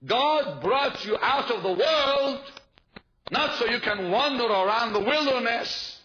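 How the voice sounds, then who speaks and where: A high-pitched man preaches with insistent repetition, pressing his listeners to answer him. The recording is muffled and dull, with a steady hiss of noise beneath his voice. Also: slow. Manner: emphatic, repeats key points, asks the congregation to respond. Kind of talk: sermon. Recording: dull, noisy live sermon recording.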